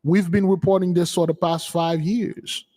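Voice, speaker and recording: A man's voice: high-pitched, fairly even intonation, normal speed, dark tone. Scoffing male preacher, reverby. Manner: scoffing, repetitive, conversational. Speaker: host. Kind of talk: religious commentary on news clips.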